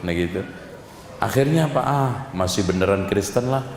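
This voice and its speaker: A man giving a lively sermon to a congregation, with joking asides and sudden high exclamations. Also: normal speed. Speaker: Islamic preacher. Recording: echoey hall, faint background noise.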